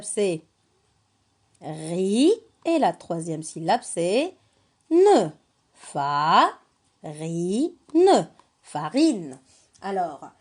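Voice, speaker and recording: A woman teaching a reading lesson for children, patient, spelling out syllables slowly and asking simple questions. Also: medium pitch, a little mellow. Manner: poses questions to young learners.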